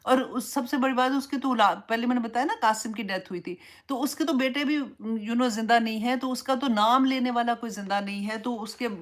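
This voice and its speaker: A woman's voice: fairly high pitch, hardly any pauses. A woman Islamic teacher giving a Quran commentary lesson, telling stories and slipping English phrases into her Urdu.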